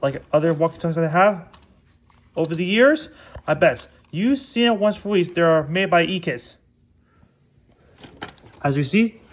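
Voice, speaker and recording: A toy reviewer with a fairly high, slightly bright voice unboxes and reviews toys in a casual, rambling manner, often stumbling over words and restarting. A little hiss or hum sits under the recording.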